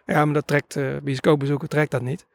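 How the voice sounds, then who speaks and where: A slightly high-voiced man telling a rambling story. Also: flat delivery, fairly quick, no room sound. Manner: rambling, hesitant, many filler sounds. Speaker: nature sound recordist. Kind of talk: casual interview storytelling.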